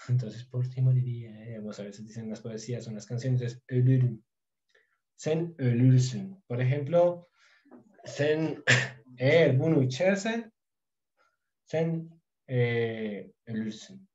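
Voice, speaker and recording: Man teaching with mellow, dull-sounding audio. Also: mid-range voice. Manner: thinks aloud with many fillers; slow, drawn-out drilling of conjugations. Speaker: Turkish teacher. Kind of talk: online lesson.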